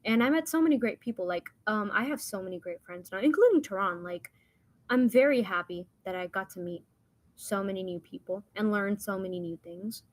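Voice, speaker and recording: A young woman from India and the United States, whose first language is Hindi, tells personal stories as a podcast guest. Her mid-range voice is brisk, and her manner is casual, rambling and informal.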